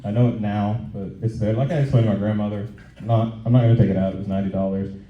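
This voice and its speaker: A man's voice: lowish voice, fairly even intonation. Man on stage doing echoey open-mic stand-up. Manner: halting, conversational, repeats phrases. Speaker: stand-up comedian. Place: live comedy venue on stage. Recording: echoey room, dull muffled sound.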